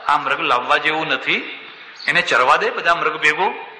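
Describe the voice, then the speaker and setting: A calm, patient prince who speaks low and softly and gently persuades, as a preacher voices him. It is heard in an echoey hall with long reverb. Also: male voice, moderate pace. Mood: gentle.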